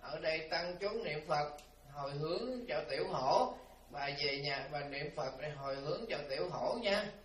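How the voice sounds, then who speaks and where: Man playing a calm kindly temple monk. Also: on the high side, moderate pace. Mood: soothing. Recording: roomy, from far off, faint hiss.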